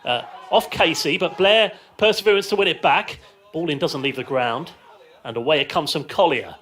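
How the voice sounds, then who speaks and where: Speaking from a stand at an outdoor football ground, a man calls the match live for radio in short, clipped phrases. His voice is fairly high and a little bright, his pace moderate, with soft music playing in the background.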